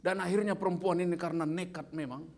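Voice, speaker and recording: A man in his fifties giving a lively sermon as guest speaker, quizzing the audience with playful questions. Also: sits high, fast.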